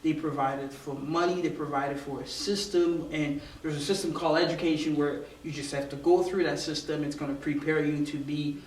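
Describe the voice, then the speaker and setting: A man's voice: on the high side, steady tone, normal speed, hardly any pauses. Male interview guest, raised in Africa, hesitant, far from mic in an echoey room. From born in Romania, raised in Africa. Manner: hesitant, repeats words while thinking. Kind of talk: casual interview chat. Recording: roomy, distant mic, faint noise.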